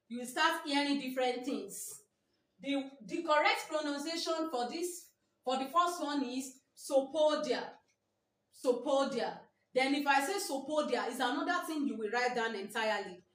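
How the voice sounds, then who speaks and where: Woman, Nigerian English accent, biology teacher, repeats key points, fairly high voice, echoey room, off-mic. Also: fairly bright tone, recorded from a distance. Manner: repetitive, asks "what?" and answers herself. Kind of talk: exam-prep lesson.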